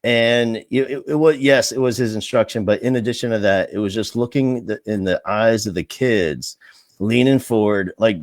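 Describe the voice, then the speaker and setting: A man's voice: lowish voice, normal speed, no echo. A man hosting a casual interview over a video call, talking emphatically with frequent restarts. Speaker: podcast host.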